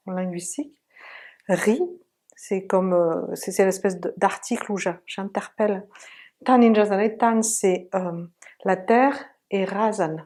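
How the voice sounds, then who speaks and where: Slow, patient woman teaching pronunciation. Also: mid-range voice, mellow. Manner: patient, drills sounds slowly and repeats examples. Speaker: language teacher. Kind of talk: pronunciation lesson.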